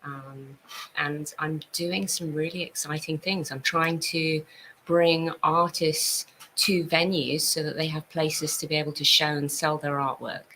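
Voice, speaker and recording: A woman's voice: deep voice, level tone, measured pace, pushed and bright, a little hiss or hum, rough recording. A woman from Italy, a guest on a talk show, explaining her work in a friendly, earnest way. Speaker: guest, art events business owner. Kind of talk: casual chat.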